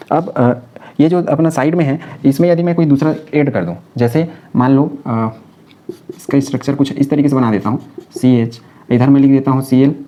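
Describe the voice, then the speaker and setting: A man's voice: a little high, dark tone. A man teaching a chemistry lesson, explaining step by step, repeating key terms and answering his own questions. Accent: Hindi-speaking North Indian. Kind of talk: classroom lecture.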